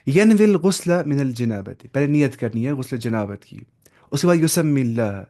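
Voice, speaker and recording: A man teaching an Arabic lesson, reading each Arabic phrase slowly and then explaining it in with English words mixed in. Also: medium pitch, lively intonation, mellow.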